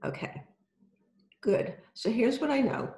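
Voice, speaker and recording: A health coach giving an instructional wellness presentation, speaking deliberately and directly to the listener. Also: medium pitch, mellow. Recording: roomy, echoey sound.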